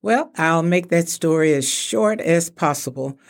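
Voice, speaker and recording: A woman's voice: on the low side, animated, unhurried. An older woman from Texas, a retired executive, answering interview questions graciously. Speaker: interview guest.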